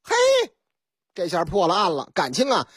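A woman's voice: on the low side, moderate pace, husky, no echo, clean studio sound. A woman radio host with a Beijing accent, telling comic stories in a chatty, teasing way. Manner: chatty, teasing, lively asides. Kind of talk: Beijing-dialect comic storytelling.

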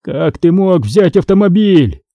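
A man's voice: high-pitched, expressive, moderate pace, mellow, no echo, pitched above the performer's own voice. A man voicing a stern, furious father in an audiobook, scolding harshly. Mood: angry.

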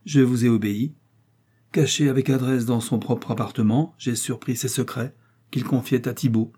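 Reading from an old novel, a man takes on the role of a cunning, ironic servant scheming against his master, bold and sly. His mid-range voice is mellow and husky, with fairly even intonation and normal speed. He acts it lightly, sounding mocking and insistent.

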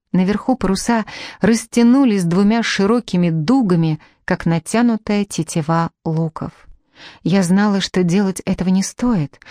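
A woman narrating a fantasy novel in the first person, in a measured storytelling manner. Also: on the low side, darkish tone, no room sound, studio quality. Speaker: audiobook narrator.

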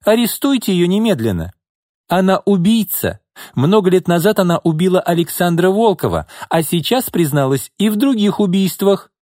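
Shrill screeching woman, enraged and cornered, read by a male narrator in a dry audiobook. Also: sing-song, moderate pace, darkish tone, no room sound. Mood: indignant. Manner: screeching, accusing.

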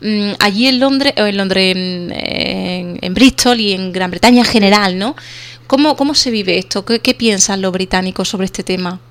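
A woman's voice: mid-range voice, moderate pace, a bit bright. A woman hosting a conversational radio interview. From Spain. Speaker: interviewer, host.

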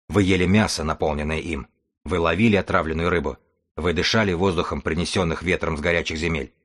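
A man voicing a stern, restrained young bookman. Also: low voice. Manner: cold, restrained, firm.

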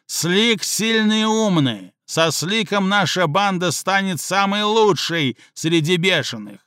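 A man voicing a brutal, cunning male gang leader who talks slowly and heavily. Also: sits high, lively intonation, sharp tone, clean tone, no room sound, studio quality, pitched above the performer's own voice, exaggerated voice. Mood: menacing.

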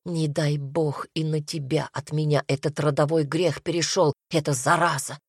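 Casting: anxious lamenting mother in an audiobook, read by a woman, lowish dry voice. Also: little pitch movement, normal speed, husky, no room sound. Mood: fretful. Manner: fretful, lamenting, hushed. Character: worried fretful mother, soft and lamenting.

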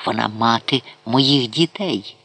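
A man's voice: mid-range voice, slow, pushed and bright, exaggerated voice. Man doing a grave, menacing sultan. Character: stern powerful male sultan, slow to wrath.

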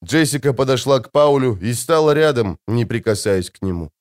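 Measured male audiobook narrator. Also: mid-range voice, animated, darkish tone, no room sound, studio quality. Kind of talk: scripted narration.

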